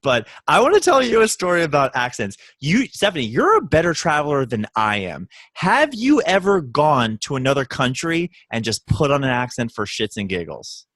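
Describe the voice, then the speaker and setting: A man's voice: fairly high pitch, normal speed, few pauses, no room sound. A man in his thirties with a Baltimore accent, co-hosting a podcast in casual, rambling chat. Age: 30s. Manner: animated storytelling, rambling with restarts. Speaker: podcast co-host.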